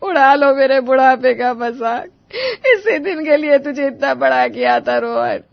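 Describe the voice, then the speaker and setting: A woman's voice: sits high, sing-song, unhurried, vocal fry, no room sound, heavily acted. A woman voicing a whiny, dramatic elderly mother-in-law in a cartoon, wailing and complaining. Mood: tearful. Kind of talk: cartoon voice acting. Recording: dull dry studio voice-over.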